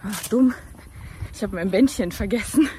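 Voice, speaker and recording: A young woman chatting on camera in a bubbly, excitable way while out on the street. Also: mid-range voice, normal speed, a little hiss or hum. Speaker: vlogger. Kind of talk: casual chat on camera.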